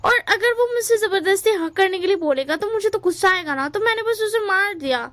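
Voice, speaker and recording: A woman's voice: extremely high pitch, lively intonation, fairly quick, fairly bright tone, no echo, voice pushed up. A woman voicing a blunt, hot-tempered young man who threatens to fight, mixing English words into his talk. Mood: defiant.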